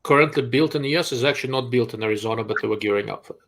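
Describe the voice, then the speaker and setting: Over some background noise, a Russian-accented host rattles off rapid-fire answers to viewer questions in a live-stream chat. His voice is medium-pitched, and his tone is blunt and dryly sarcastic.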